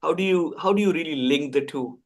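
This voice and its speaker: A man's voice: on the high side, brisk. A man hosting a podcast interview, eager and stumbling, repeating words as he asks questions. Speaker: podcast host.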